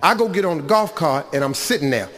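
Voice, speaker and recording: A middle-aged man doing stand-up comedy, telling a story in an animated, loud, rambling way. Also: a little high, fast, in a large hall. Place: comedy club stage.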